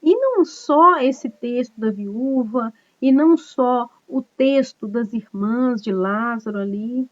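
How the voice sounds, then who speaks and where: A woman pastor preaches to a small online group in an earnest, chatty way, checking in with listeners as she goes. Her voice sits high. The sound is dull and lo-fi, like a home video call. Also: slow, few pauses. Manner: earnest, conversational preaching with frequent tag questions. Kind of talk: online cell group sermon.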